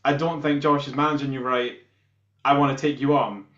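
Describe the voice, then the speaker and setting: As an interview guest, a Scottish man who plays guitar in a band chats and tells anecdotes in a steady, fairly quick, medium-pitched voice with a bit of brightness. The sound is muffled and roomy, like a video call.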